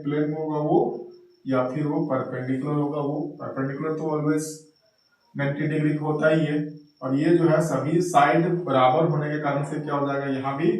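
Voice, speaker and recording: A man teaching chemistry at a blackboard, explaining step by step and repeating filler phrases as he draws. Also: fairly high pitch. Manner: repetitive, fills pauses with "ठीक है" and "जो है"; explains step by step while drawing on the board. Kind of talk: blackboard lecture. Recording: very echoey classroom, voice from far off.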